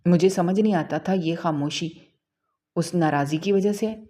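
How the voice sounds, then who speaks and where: A woman with a low, dark and mellow voice reads a first-person moral story aloud. She keeps a calm, even storytelling manner from line to line. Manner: calm, even reading of a sad family story.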